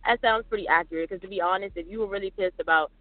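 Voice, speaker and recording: This podcast co-host speaks rapid-fire in a high voice, chatting casually and rambling with plenty of fillers. The sound is tinny and phone-like, dry with no echo.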